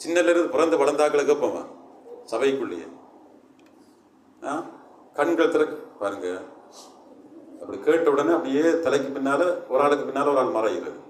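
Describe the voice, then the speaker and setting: A man's voice: medium pitch, animated, moderate pace, pauses often, echoey room, distant mic, slight background noise. A man preaching a sermon as pastor, with emphatic, repetitive calls that rise in force.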